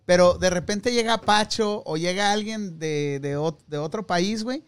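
A Mexican man hosting a loose podcast conversation. He tells joking stories full of slang. His voice is pitched high for a man. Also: moderate pace, clean tone. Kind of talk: casual chat.

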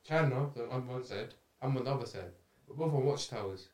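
A man's voice: mid-range voice, fairly quick, darkish tone, echoey room. A man, chatting casually in slang and often repeating himself. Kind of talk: casual podcast chat.

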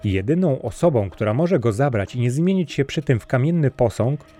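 A man narrating a fairy tale in a calm, measured storybook style. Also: medium pitch.

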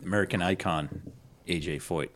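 A man's voice: low-pitched, moderate pace. A man co-hosting a casual motorsport podcast, joking and restarting his sentences. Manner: lively, jokey, restarts a lot. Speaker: podcast co-host.

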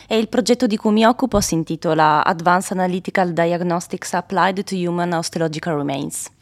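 Young female academic guest, measured technical explainer, slightly low voice. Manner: careful, technical, with hesitation fillers. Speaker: guest, doctoral researcher. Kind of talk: explanatory interview answers.

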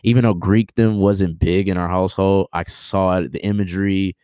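A man in his twenties, a podcast guest, talking in a relaxed, rambling, slangy way with many fillers and restarts. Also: sits low, moderate pace, smooth, no echo, clean studio sound. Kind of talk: casual interview chat.

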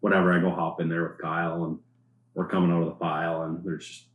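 A man in casual chat, telling hockey stories in an animated way. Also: sits low, fast, narrow, tinny audio. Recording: echoey room with faint hum.

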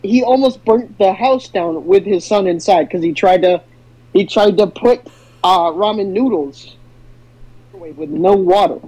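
A young man hosting a comedy podcast, reading fake news in a deadpan way. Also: high-pitched, a little slow, low-quality recording. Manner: deadpan mock-newsreader delivery. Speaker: podcast host.

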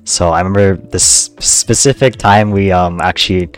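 Young man, low voice, relaxed chuckling podcast co-host, casual chat, faint music underneath. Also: moderate pace. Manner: easygoing, chuckling between remarks.

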